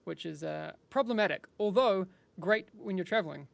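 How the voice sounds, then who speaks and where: A man's voice: high voice, normal speed, creaky, no room sound. A man hosting a live-streamed interview, chatty and rambling, with frequent restarts and checks like "is that correct?". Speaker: livestream host interviewing developers.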